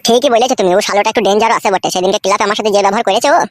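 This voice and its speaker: A woman's voice: mid-range voice, fairly even intonation, racing, close to an everyday voice. A woman voicing a crude scheming young son-in-law. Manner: sulky, crude. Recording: clear background noise.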